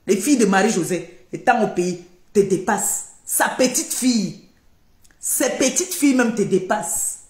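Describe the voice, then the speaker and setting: A woman's voice: medium pitch, animated, normal speed, a little mellow. An older woman, ranting on a live stream, scolding and accusing and repeating her points. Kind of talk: heated live-stream rant. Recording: echoey room.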